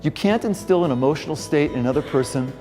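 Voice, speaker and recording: A man leads a communication seminar in front of an audience, telling stories and acting out other people's lines. His pitch moves a lot, rising and falling as he puts questions to the room. His voice carries a long hall reverb, with faint music underneath. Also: expressive, fast talker. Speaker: communication trainer. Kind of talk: live seminar talk with acted-out anecdotes.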